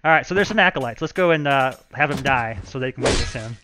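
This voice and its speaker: A man's voice: medium pitch, expressive, fast talker, background noise. A man, a game developer, chatting casually and thinking aloud as he walks viewers through his work on a live stream.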